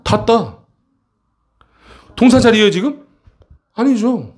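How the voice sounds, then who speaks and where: A man teaching an English textbook passage to middle school students in a classroom, often checking in with quick questions. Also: sits high, lively intonation, darkish tone.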